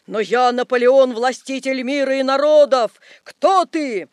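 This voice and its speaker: A man voicing a boastful fairground actor playing an emperor, declaiming loudly in a high, carrying voice. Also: a little slow, clean tone, dry recording, clean studio sound. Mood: grandiose. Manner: loud, declamatory, boastful stage shouting.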